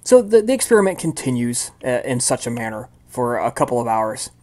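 A man's voice: medium pitch, very animated, fairly quick, darkish tone. A man narrating a tabletop game as game master in a casual, rambling way, full of fillers.

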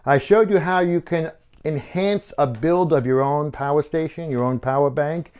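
A man in his fifties hosts a how-to video channel from a wooden home workshop indoors, walking through a casual tutorial step by step in a conversational way. His voice is fairly high, a little mellow and clean, at a moderate pace.

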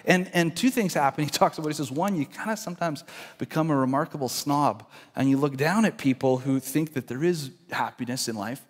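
A man delivers a sermon in an earnest, conversational way, restarting phrases as he goes. His voice sits a bit high for a man. It rings out in a church hall with a long reverb tail. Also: a little fast. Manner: earnest, conversational preaching with restarts and acted quotes. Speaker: pastor. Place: church sanctuary.

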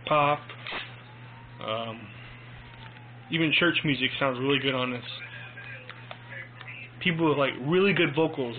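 A young man giving a casual, rambling product review in a phone video, halting and informal, recorded on a handheld phone in a room at home. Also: fairly high pitch. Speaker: amateur headphone reviewer. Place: small domestic room, indoors. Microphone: handheld phone mic. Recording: tinny phone recording with clear noise.

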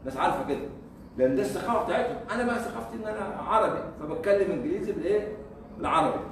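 Here the guest lecturer, an Egyptian man with an Egyptian Arabic accent, races along in a high, expressive voice. His informal university lecture features rhetorical questions, repeated points and little chuckles, captured far from the mic in an echoing room with slight noise.

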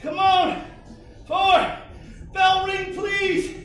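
A man's voice: very high-pitched, flat delivery, very slow, a bit bright, a little hiss or hum. A middle-aged man coaching a workout while exerting himself, barking commands and encouragement like a gym coach. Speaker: fitness coach hosting a workout video. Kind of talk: live workout instruction. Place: indoor gym studio. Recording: echoey gym, distant mic, music behind.

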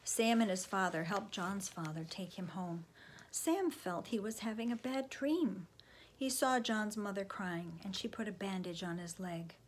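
A woman reading a children's book aloud, expressive, often dropping into a hushed whisper. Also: mid-range voice, measured pace, a little hiss or hum. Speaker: storybook reader.

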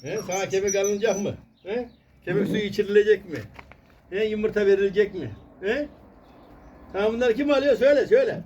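A man's voice: high-pitched, fairly quick. A man, a farmer playfully scolding and coaxing his puppy outdoors on a farm. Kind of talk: casual vlog, talking to a dog. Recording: loud background noise, dog barking.

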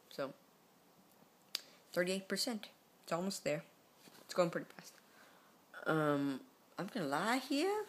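A man with a slightly high, somewhat bright voice talks casually into his camera or computer mic from his bedroom late at night. The vlog is sleepy and rambling, easygoing in manner and packed with fillers and self-corrections.

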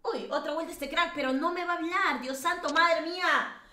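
Girl streamer, bright voice, teasing and laughing a lot, kinda roomy sound. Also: very high-pitched, moderate pace. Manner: teasing, chatty, laughs often. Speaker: streamer hosting a game lobby. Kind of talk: casual live-stream chat.

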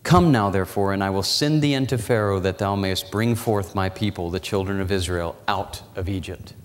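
A man in his forties preaching a sermon in a church, walking the platform and slowing down, dropping his voice low for dramatic emphasis. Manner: walks the platform, gesturing as he preaches. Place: church sanctuary. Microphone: lapel mic and pulpit mic. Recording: church hall reverb.

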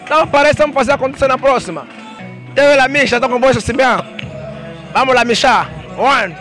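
A man's voice: extremely high pitch, fast talker, bright, forceful tone, soft background music. A man in his thirties speaking casually in an on-camera interview at an outdoor venue. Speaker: comedian being interviewed. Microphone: handheld reporter microphone.

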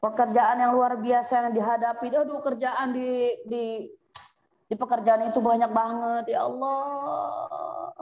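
A woman's voice: a little high, level tone, moderate pace, darkish tone. A woman teaching a study circle for mothers, asking them questions and acting out heartfelt prayers. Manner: addresses listeners as Bunda, asks questions. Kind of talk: Islamic study circle talk. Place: women's study gathering.

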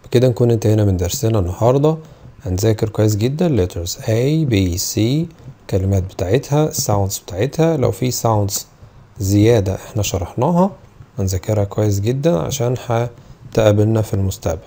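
A man's voice: fairly low pitch, animated, dark tone. A man with an Egyptian Arabic accent teaching an English phonetics lesson, stretching out model words and repeating each one several times. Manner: slow, drawn-out model pronunciations of English sounds. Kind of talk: online video lesson.

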